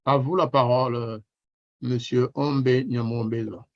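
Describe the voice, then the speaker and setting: A man's voice: medium pitch, fairly even intonation, a little slow. A man hosting a radio interview, speaking formally and welcoming his guest, with frequent fillers. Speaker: radio host. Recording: dull, lo-fi sound.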